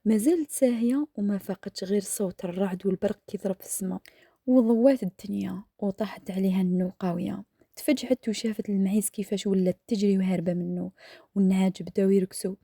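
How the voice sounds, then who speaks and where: Algerian woman half whispering a sad story while she cooks, soft and breathy, dry close sound. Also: medium pitch, fast talker, no room sound. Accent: Algerian Arabic. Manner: hushed, half-whispered narration.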